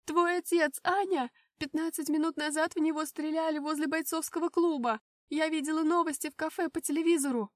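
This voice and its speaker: An excitable young woman, put on by a female narrator, high-pitched and quick to turn shrill. She gushes over gossip and turns breathless in a crisis. She is heard from a little way off the mic, in a dry room. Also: no echo, far from the mic, natural voice. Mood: panicked. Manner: breathless, high and loud when alarmed.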